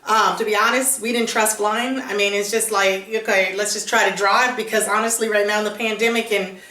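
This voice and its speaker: A woman's voice: medium pitch, steady tone, a little fast, sharp tone. A woman hosting a vlog, chatting in a casual, upbeat way with lots of fillers. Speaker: vlog host. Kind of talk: casual chat. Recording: roomy echo, mic at a distance.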